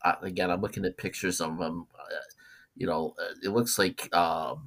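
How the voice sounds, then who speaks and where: Man, podcast co-host, very deep voice, hesitant, filler-heavy, blunt. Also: fairly even intonation, normal speed, fairly bright tone. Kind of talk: casual podcast chat.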